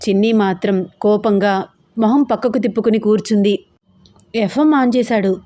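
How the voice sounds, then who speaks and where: A woman reading out a romantic family audio story as storyteller, in a steady, expressive way. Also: medium pitch, moderate pace, no echo, studio quality.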